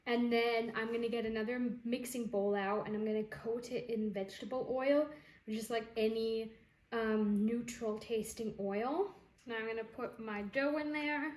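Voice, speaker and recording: Fairly high-pitched and moderately paced, a young woman explains a baking recipe step by step in her home kitchen. Her chat is relaxed and casual, and the room sounds reverberant.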